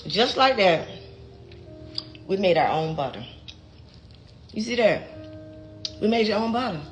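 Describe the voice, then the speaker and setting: A woman's voice: mid-range voice, expressive, measured pace, faint music behind. A middle-aged woman, chatting casually and folksily as she shows how to make butter in her home kitchen. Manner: chatty, folksy, calls viewers baby and child. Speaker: home cook and gardening creator.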